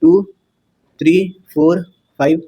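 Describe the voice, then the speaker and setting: A man's voice: fairly high pitch, steady tone, slow, mellow. A man. He talks in a chatty way, throws rhetorical questions at his students and corrects himself as he writes. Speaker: teacher. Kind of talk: casual chalkboard lecture.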